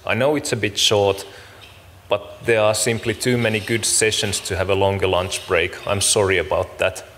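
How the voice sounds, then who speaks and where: Low-voiced man hosting in an echoey hall. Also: flat delivery, moderate pace, a bit bright. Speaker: event organiser and host opening a summit. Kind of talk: informal conference welcome with practical announcements. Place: large conference room, speaking to an audience. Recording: echoey hall with clear background noise.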